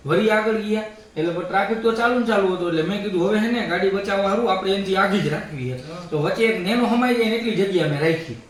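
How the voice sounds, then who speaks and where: A man's voice: high voice, quick pace. A man casually telling a story on a family vlog, acting out what others said. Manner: animated retelling with acted-out quotes. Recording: very echoey room, distant mic.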